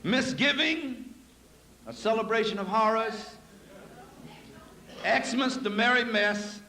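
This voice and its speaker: A man giving a live lecture to an audience, folksy and preacherly, dropping low for asides and rising to emphatic points. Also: slow, pushed and bright. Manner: folksy, addresses audience as y'all. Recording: echoey hall recording with faint noise.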